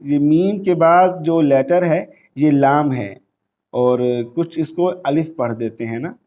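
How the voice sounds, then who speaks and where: Man teaching Quran recitation, slow melodic chanting. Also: fairly high pitch, warm tone. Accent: Pakistani Urdu. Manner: explains quickly in Urdu, then recites Arabic slowly and drawn out. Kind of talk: tajweed recitation lesson.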